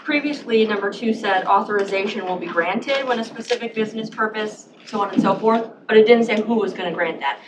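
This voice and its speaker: A woman on county staff explaining policy updates to a board, clear and explanatory with some fillers. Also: mid-range voice, brisk, hardly any pauses. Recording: distant mic with background noise.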